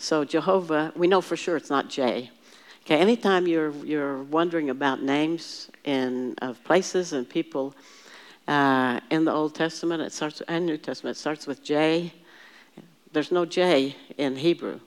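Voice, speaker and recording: A woman's voice: low-pitched, unhurried. Woman teaching bible study, patient, lots of restarts, has the class repeat words. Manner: patient, explains word by word, leads the group in repeating terms; thinks aloud with frequent restarts and fillers.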